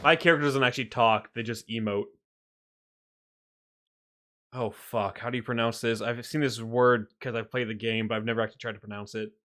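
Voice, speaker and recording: A man's voice: medium pitch, steady tone, brisk, sharp tone. A man streaming a game, chatting casually and rambling about what he has played. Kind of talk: casual gaming stream chat. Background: faint game music.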